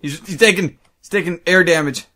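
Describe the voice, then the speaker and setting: A man playing a video game with friends, calling out excitedly, his voice cracking high when he panics. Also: a little fast. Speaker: gamer. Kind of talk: excited gaming commentary.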